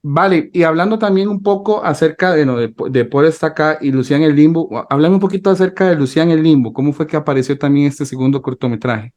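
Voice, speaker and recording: A man's voice: on the high side, fast talker, few pauses, a little mellow. A man interviewing a film director, asking long questions with many stumbles and restarts.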